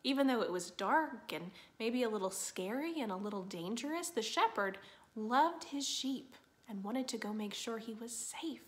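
A woman pastor giving a children's sermon, telling a Bible story with animated, expressive storytelling. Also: fairly high pitch, moderate pace.

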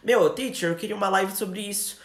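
Brazilian male English teacher, chatty live-stream voice, slightly high, roomy echo. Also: a bit bright. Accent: Brazilian Portuguese. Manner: chatty, switches into slow English examples.

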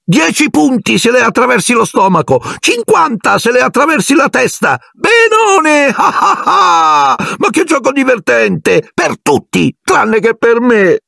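A man voicing a touchy, self-pitying teenage ghost girl in a shrill falsetto, sobbing and shrieking. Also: moderate pace, vocal fry, no echo, clean studio sound, exaggerated voice.

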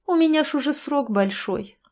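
A woman's voice: expressive, moderate pace, darkish tone. A woman doing a tearful, touchy village woman. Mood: plaintive. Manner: plaintive, high and pleading.

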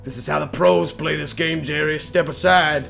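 Bright gravelly streamer dude, hyped and trash talking, faint music behind. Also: male voice, fairly high pitch, moderate pace. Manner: excitable, swearing, trash-talking. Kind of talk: casual gaming stream banter.

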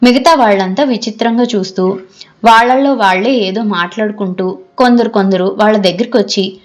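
A woman narrating a novel as an audiobook reader, in a measured, expressive storytelling manner. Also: medium pitch.

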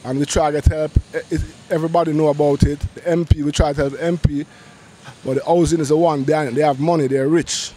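A man's voice: fairly high pitch, fairly even intonation, fast, warm tone. A middle-aged man, telling a painful personal story in a street interview, talking urgently and often restarting his phrases. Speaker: interviewee in a street vox pop. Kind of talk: emotional personal testimony. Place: busy city street outdoors. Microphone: handheld interviewer mic held close. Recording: faint street traffic behind. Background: faint traffic and street ambience.

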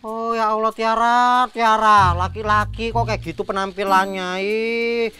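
A man's voice: sits high, fairly even intonation, unhurried, bright, forceful tone, clear, resonant tone, soft background music. A man acting a fussy, exaggerated comedy sketch.

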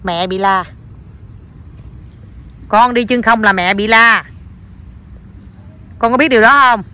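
A woman's voice: fairly high pitch, slow pace, pushed and bright. A woman filming her small child on a lawn, talking to the child in a coaxing, playful, doting way. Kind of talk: casual home video chat with a toddler. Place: outdoors on a lawn.

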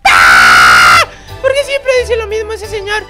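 A performer voicing Bebe Timo, an excitable, dramatic baby boy with squeaky, shrieking outbursts, in a Minecraft role-play. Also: a little fast, shouting, over music. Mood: excited. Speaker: host.

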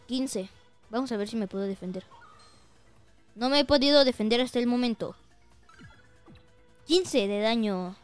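A woman hosting a gaming video, giving excitable, chatty, jokey let's-play commentary into a close microphone. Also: on the high side, normal speed, pauses often, smooth, soft background music.

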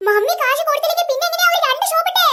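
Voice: very high voice, rapid-fire, pushed and bright, voice pushed up. A performer doing a whiny spoiled little rich girl. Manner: whiny, pleading questions.

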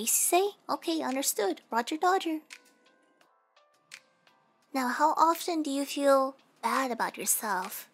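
A woman playing a teasing young nurse in a casual, joking, rambling comedic role-play. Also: on the high side. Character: teasing, flippant young female nurse questioning a patient.

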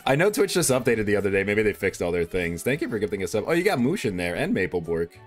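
A man's voice: fairly low pitch, very animated, fast talker, soft background music. A man streaming live as a VTuber, chatting casually in a playful, rambling way and swearing freely.

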